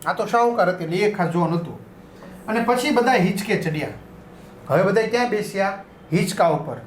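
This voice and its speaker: A man's voice: high-pitched, expressive, fairly quick, a little hiss or hum. A male teacher explaining a school lesson, repeating and rephrasing each line and checking in with his students. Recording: echoey room.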